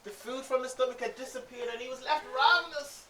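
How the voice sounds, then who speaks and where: Woman storyteller, slightly high voice, gentle telling, roomy echo, far from the mic. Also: fairly quick. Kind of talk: expressive storytelling. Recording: roomy, distant, faint noise.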